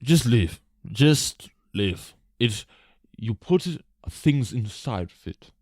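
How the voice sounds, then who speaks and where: A man's voice: medium pitch, sing-song, takes it slowly, dark tone, no echo, clean studio sound. A man doing a curt, stern shopkeeper. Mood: impatient. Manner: curt, dismissive, ordering people off. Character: stern male shopkeeper guarding his pottery.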